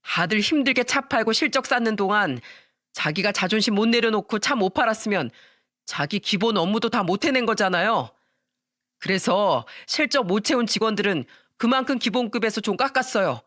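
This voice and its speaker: A woman's voice: medium pitch, expressive, fairly quick, fairly bright tone, dry recording, close to an everyday voice. Woman playing sulky young husband, defensive, argues back, dry sound. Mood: defensive arguing. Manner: defensive, pleading then arguing.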